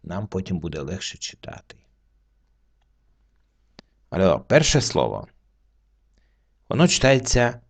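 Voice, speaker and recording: Guy teaching french word by word, deep gravelly voice, patient and slow. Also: big pitch swings. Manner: slow, patient explaining with pauses. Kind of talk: word-by-word reading lesson.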